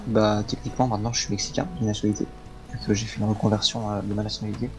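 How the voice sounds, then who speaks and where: Low flat guy rattling off answers in a western rp, lots of euh. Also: racing, music in the background. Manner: hesitant, many fillers, flat delivery. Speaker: roleplay player questioned by lawmen. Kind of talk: in-character western roleplay.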